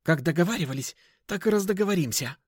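Man doing a hissing middle-aged woman dealer, hushed whisper, high pitch, snappish and nervous, dry close sound. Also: lively intonation, normal speed, slightly rough, dry recording. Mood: nervous snapping. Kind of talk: audiobook character voice.

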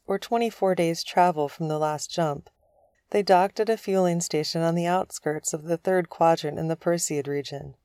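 Woman, audiobook narrator, calm, even, lowish voice, dry recording. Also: no echo.

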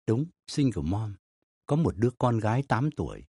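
A man voicing a calm, stubborn young son. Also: fairly low pitch, normal speed, husky, no echo, studio quality, heavily acted. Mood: firm. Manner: short, plain, steady answers.

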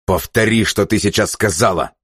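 A man reading an audiobook voices a furious, ruthless male leader who barks orders in a raised, sharp voice. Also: extremely low pitch, a little fast, breathy edge, dry recording, studio quality.

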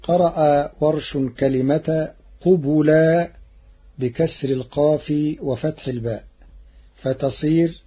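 Slow husky man explaining verses. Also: a little high, steady tone. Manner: deliberate, quotes verses in a slower half-chanted tone. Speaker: radio presenter explaining Quran reading variants. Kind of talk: slow measured scholarly explanation with quoted verses. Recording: dull lo-fi radio recording.

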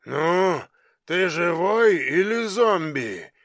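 Typhon, gruff hulking giant, voiced by a man. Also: high-pitched, very animated, very slow, fairly bright tone, no room sound, clean studio sound, voice pushed up, full character voice. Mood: jovial. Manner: gruff, blunt, hurrying. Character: huge bearded giant servant, gruff and jovial. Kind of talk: audiobook reading.

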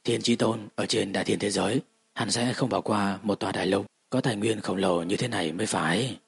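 Low voice guy reading a fantasy novel aloud, really clean and smooth, steady pace. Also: fairly quick. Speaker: audiobook narrator. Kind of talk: scripted fantasy audiobook narration.

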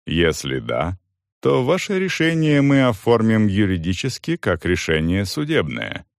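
A man voicing a calm male magister who speaks low, quietly and formally. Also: a little slow, vocal fry, no echo, clean studio sound, exaggerated voice. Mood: composed. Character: calm learned male magister of an audit commission.

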